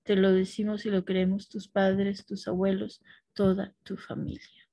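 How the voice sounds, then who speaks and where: A woman teaching a class, talking thoughtfully with restarts and soft affirmations to her students. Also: mid-range voice, monotone, unhurried, dry recording.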